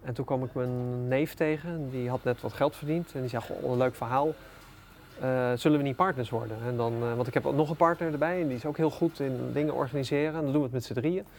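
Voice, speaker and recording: A middle-aged man, an entrepreneur being interviewed, telling anecdotes in a relaxed, animated way with plenty of fillers. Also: mid-range voice, fast talker, few pauses, slight background noise. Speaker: entrepreneur guest. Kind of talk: casual storytelling interview.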